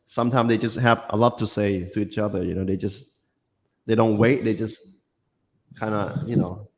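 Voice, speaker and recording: A man's voice: fairly low pitch, steady tone, moderate pace. A man from Thailand with a Thai accent, hosting a casual livestream chat and talking with many fillers and restarts. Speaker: livestream host.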